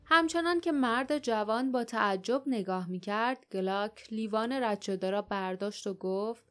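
A woman narrating an adventure audiobook in a steady, expressive storytelling manner. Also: on the high side, clear, resonant tone, soft background music. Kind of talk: scripted narration.

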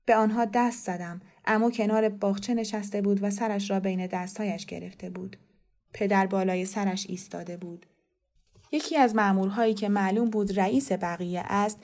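A woman reading a novel aloud as a narrator, in a steady, measured storytelling manner. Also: mid-range voice. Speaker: audiobook narrator.

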